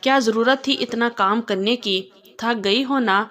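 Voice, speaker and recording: A woman's voice: on the high side, moderate pace, fairly bright tone, natural voice. A woman voicing an affectionate, playful young husband in a read-aloud story. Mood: fond. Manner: fond and playful.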